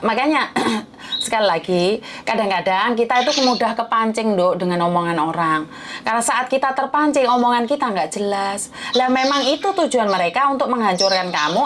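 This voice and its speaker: A woman gives motivational advice, coaxing yet rough-spoken, often calling the listener dear. Her voice is very high. A little noise hums behind her. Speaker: advice-giving host.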